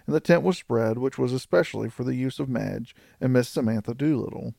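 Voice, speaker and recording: Male storyteller, gravelly, close and dry, steady read. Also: mid-range voice, a little fast, no room sound. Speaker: audiobook narrator. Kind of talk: scripted narration.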